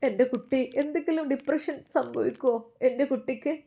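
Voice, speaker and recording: Woman voicing a grieving gentle father. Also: high-pitched, fairly quick, vocal fry, pitched above the performer's own voice. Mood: tender, pleading. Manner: soft, comforting, pleading. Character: grieving tender father soothing his daughter.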